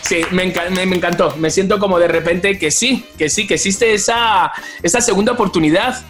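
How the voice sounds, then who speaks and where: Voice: medium pitch, a little fast, music in the background. A podcast co-host chatting enthusiastically. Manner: enthusiastic, laughing. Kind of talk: casual podcast chat.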